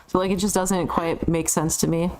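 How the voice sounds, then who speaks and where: A woman's voice: lowish voice, little pitch movement, normal speed, darkish tone. A young woman telling a family story while gaming, rambling and full of fillers. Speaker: streamer.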